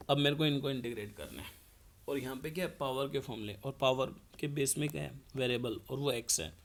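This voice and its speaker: A man teaching a math lesson. He explains each step and asks the class questions, then answers them himself. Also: mid-range voice.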